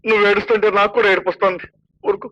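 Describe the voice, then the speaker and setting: A man's voice: high voice, flat delivery, racing, bright, forceful tone. An actor playing a humble, kind-hearted prison constable who talks earnestly and deferentially to his boss, in a film drama with a dull, lo-fi soundtrack. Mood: soothing.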